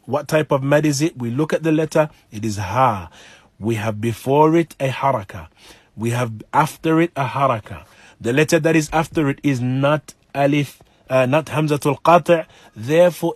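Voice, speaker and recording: A man's voice: medium pitch, no echo. Man teaching recitation, dry close sound. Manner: patient, recites Quranic phrases slowly to demonstrate. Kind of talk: explaining recitation rules with recited examples.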